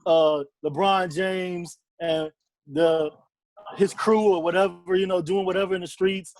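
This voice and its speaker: Measured man in his late forties. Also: sits high, steady tone, a little mellow, no room sound, poor audio. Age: 40s. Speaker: podcast co-host. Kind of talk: casual sports talk. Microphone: video call.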